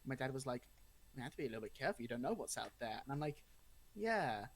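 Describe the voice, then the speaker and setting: A man's voice: mid-range voice, racing. A young adult man casually telling a spooky personal story, acting out the dialogue as he goes. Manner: animated retelling with acted-out dialogue.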